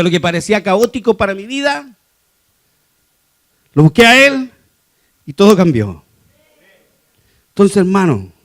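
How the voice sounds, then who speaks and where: A man preaching a sermon to his congregation, moving between quiet personal testimony and raised, emphatic exhortation. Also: high voice. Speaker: lay preacher.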